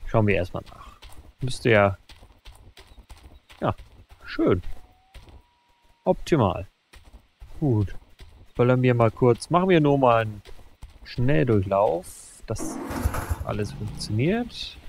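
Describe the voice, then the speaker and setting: A man hosting a let's play, giving casual gameplay commentary, excitable and talking to himself with frequent exclamations. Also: mid-range voice, gravelly, a little hiss or hum.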